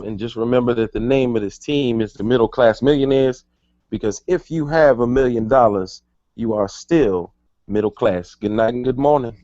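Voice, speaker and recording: A man at a middle pitch talks in a measured way, pausing on fillers as he recommends a book and signs off. The sound is dry and muffled. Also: a little mellow, dry recording. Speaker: speaker on a group call. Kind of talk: motivational sign-off. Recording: dry, muffled conference call line.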